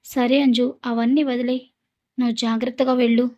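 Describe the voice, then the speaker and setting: Sex: female. Figure: a sorrowful imprisoned mother, put on by a female narrator. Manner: pleading, gentle. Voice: high, mellow. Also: level tone, fairly quick, highs cut off, close to an everyday voice.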